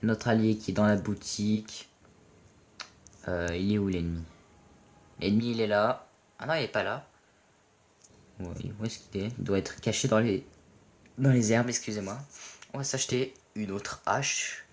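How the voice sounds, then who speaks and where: Excitable French gamer with a low voice. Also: male voice, moderate pace, long pauses. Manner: playful, excitable, yells and swears at teammates. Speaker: gaming video commentator. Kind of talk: casual gameplay commentary.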